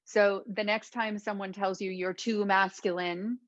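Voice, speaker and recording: A woman's voice: medium pitch, little pitch movement, unhurried, no echo, lo-fi sound. A woman hosting a conversation as a coach, explaining things in an affirming way. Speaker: podcast host and dating coach.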